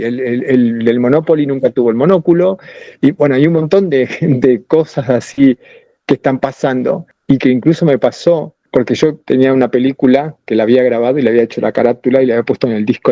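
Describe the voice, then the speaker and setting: A man's voice: medium pitch, warm tone, no room sound, lo-fi sound. A man with a Rioplatense Spanish accent talking casually on a podcast, rambling through ideas with many restarts. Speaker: podcast co-host.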